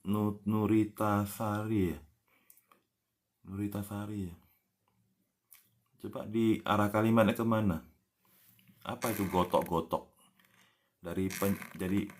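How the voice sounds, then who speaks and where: Man, lowish voice, casual language lesson, patient explainer, spells words out. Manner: frequent tag "ya" after phrases. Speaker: language teacher.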